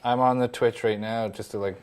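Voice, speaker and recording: A man's voice: mid-range voice, fairly even intonation, a little fast, a crowd in the background. A man in casual chat as a co-host of a gaming podcast, wry and often laughing.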